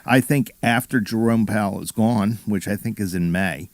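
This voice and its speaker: Low-voiced man, mortgage guest. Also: moderate pace, no echo. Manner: brief agreeable replies. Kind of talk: casual talk radio chat.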